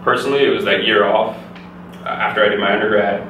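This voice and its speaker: Very echoey, distantly recorded audio with obvious background noise carries the voice of a young man from Canada. A physiotherapy student and interview guest whose first language is English, he gives laid-back, casual answers. His delivery is quick and steady, his voice low and flat.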